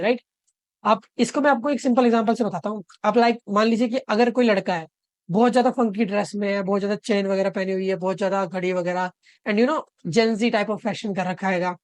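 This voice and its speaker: A man tutoring online who explains step by step, reads example sentences slowly and keeps checking in with his listeners. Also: sits high, no room sound. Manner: reads English sentences slowly, checks in with frequent tag questions. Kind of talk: explanatory lesson mixing Hindi and English.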